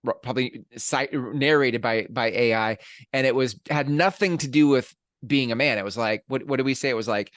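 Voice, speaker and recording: Male podcast co-host, mid-pitched, reflective, dry sound. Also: moderate pace, fairly bright tone, no room sound. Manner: reflective, talks through his thoughts with restarts. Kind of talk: casual conversation.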